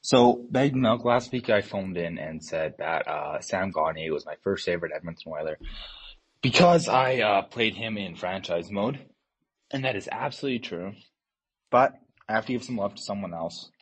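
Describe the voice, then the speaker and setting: Husky man telling a story on a voicemail. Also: lowish voice, animated, normal speed, poor audio. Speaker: voicemail caller.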